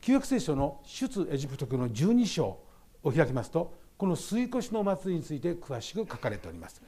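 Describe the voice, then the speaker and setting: A man preaching a sermon as pastor, measured and formal, with fillers and pauses. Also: on the high side, wildly swooping pitch, warm tone. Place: church sanctuary.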